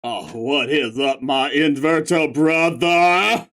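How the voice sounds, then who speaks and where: Reading a webcomic aloud with voices, a performer takes on a young male stoner clown troll who drawls in a slurred, clownish way, swears lazily, and marvels at everything. The delivery is slow and mid-range with a slightly bright edge, full of lazy awe.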